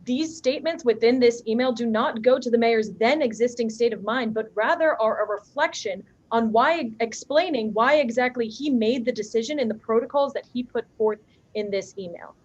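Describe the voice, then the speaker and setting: A young woman argues a legal objection in a courtroom, her voice sitting somewhat high. She speaks firmly and argumentatively, restarting a phrase now and then. It is a dull, lo-fi courtroom recording. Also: moderate pace. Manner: firm, argumentative, occasional restarts. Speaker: trial advocate.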